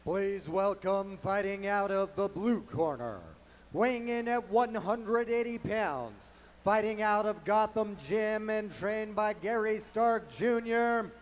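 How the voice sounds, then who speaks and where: A man working as a boxing ring announcer, booming out formal introductions and stretching out the names. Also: slow.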